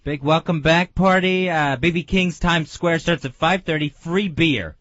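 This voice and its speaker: Male radio host, casual storyteller, slightly high voice, dry studio recording. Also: unhurried, a bit bright, dry recording. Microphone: studio microphone. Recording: dry, dull lo-fi radio audio.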